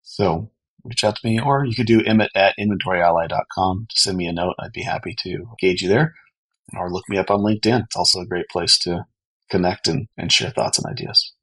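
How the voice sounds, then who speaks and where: A man's voice: low-pitched, a little fast, a bit bright, low-quality recording. A man speaking as an expert podcast guest, explaining things earnestly and conversationally. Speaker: podcast guest, company co-founder.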